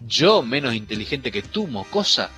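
A man's voice: medium pitch, sing-song, normal speed, pushed and bright. A man voicing a sly, mocking female snake in a storybook reading, teasing and sneering at her prey. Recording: faint music behind.

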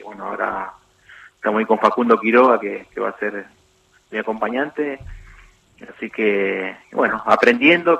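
A middle-aged man from Chubut with an Argentine accent, a former footballer speaking as a guest on a radio interview, talking haltingly with many fillers and restarts. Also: medium pitch, creaky. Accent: Argentine Spanish. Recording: tinny phone line.

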